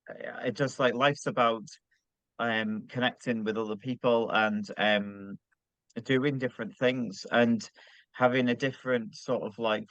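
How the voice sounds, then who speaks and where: A man speaks very slowly and hesitantly, with many ums and uhs, as he introduces himself on a video call. His voice is smooth and clear. The sound is dry and dull, like muffled video-call audio. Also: medium pitch, a bit bright, dry recording. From United Kingdom. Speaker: artist and coach.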